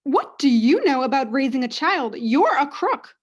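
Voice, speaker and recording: A woman plays a self-absorbed, haughty mother in a student comedy radio play, sounding disdainful. Her voice is high-pitched and very animated at a normal speed, and her performance is theatrical and overwrought.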